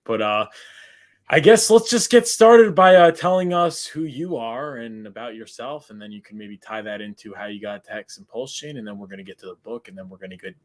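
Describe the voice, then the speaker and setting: A man's voice: mid-range voice, lively intonation, fairly quick. A man with a mid-range voice hosts a casual online interview. He prompts his guest loosely, with frequent fillers and restarts. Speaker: host.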